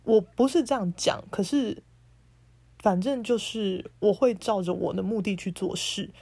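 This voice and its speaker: A man's voice: high-pitched, a little slow, vocal fry, darkish tone, husky, dry recording, voice pushed down, heavily acted. A woman voicing her condescending young boyfriend, who lectures in a preachy, self-assured way.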